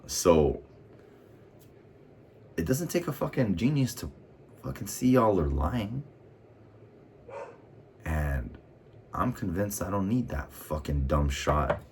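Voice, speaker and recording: A man's voice: sits low, very animated, slow pace, long pauses, a little mellow, slight background noise. An American man vlogging in a casual monologue, swearing often as he rambles heatedly. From United States.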